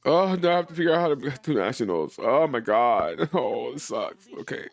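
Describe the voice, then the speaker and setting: A man's voice: mid-range voice, very animated, normal speed, creaky. A man in a casual live-stream chat, rambling and stammering with a lot of emotion.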